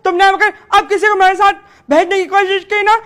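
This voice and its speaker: A woman's voice: extremely high pitch, fairly even intonation, brisk, a bit bright. A young woman plays a defiant daughter arguing back in a comedy drama. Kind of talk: scripted comedy drama dialogue.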